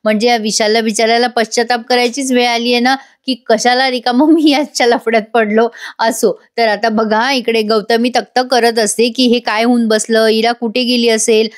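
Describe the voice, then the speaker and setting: A woman's voice: fairly high pitch, fairly even intonation, normal speed, few pauses. A woman narrating a chatty voice-over recap of a TV serial, addressing viewers.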